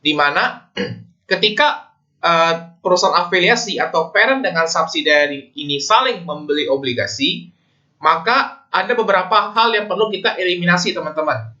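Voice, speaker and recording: An accounting lecturer with an Indonesian accent gives an informal explanatory lecture, keeping it conversational and often checking in with listeners. His voice sits high and sounds animated and sharp at a moderate pace, and the recording is muffled.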